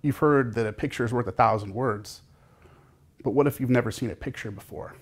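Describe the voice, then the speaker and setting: A man's voice: mid-range voice, brisk, husky. A man, a festival founder, speaking earnestly and with feeling in a news interview. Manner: earnest, emotional, conversational.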